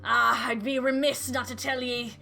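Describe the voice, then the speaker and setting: Boisterous game arena announcer played by a woman, male showman, theatrical patter, bright forceful delivery. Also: fairly high pitch, little pitch movement, moderate pace, gravelly, faint music behind. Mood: gruff, jovial. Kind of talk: video game dialogue read aloud in character.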